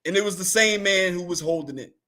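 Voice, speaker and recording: He talks fast in a high, pushed, bright voice, hosting a comedic casual chat full of slang, rambling, and frequent laughter.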